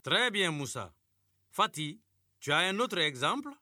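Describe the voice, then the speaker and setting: A man teaching a scripted radio lesson to primary pupils, speaking slowly, clearly and patiently. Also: on the high side, big pitch swings, noisy background. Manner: slow, clear, patient classroom delivery.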